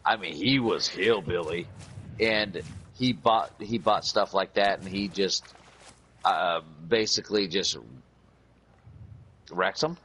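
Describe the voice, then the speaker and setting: A man's voice: deep voice, takes it slowly, long pauses, fairly bright tone, slight background noise. A man hosting a hunting channel, chatting casually outdoors at dusk, rambling and cussing, with a lot of stumbling restarts. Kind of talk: casual chat while hunting.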